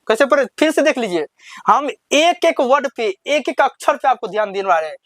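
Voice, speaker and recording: A man teaching children to read Hindi over slides, asking questions and answering them himself, and spelling words out slowly syllable by syllable. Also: very high voice, big pitch swings, fairly bright tone, no echo, clean studio sound. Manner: repetitive call-and-response questioning; slow drawn-out syllable-by-syllable reading. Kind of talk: classroom lesson over slides.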